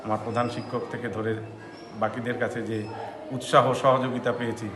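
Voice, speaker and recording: A middle-aged man, a schoolteacher, giving earnest, halting farewell remarks in short repeated phrases. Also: medium pitch, little pitch movement. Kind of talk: impromptu farewell remarks to a reporter. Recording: echoey, noisy on-location recording.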